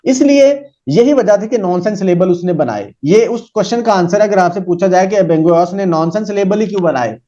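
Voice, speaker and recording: A man teaching a psychology lesson. He reads English lines slowly and explains them with many fillers. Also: high-pitched, lively intonation, warm tone. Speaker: psychology lecturer. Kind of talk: lecture reading English text and explaining in Urdu-Hindi. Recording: dull lo-fi recording.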